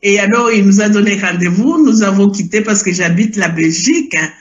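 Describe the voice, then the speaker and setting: A woman's voice: medium pitch, brisk, lo-fi sound. An older woman giving an emotional spoken testimony, hesitant and repeating herself as she searches for words. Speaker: testifying church member. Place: lives in Belgium.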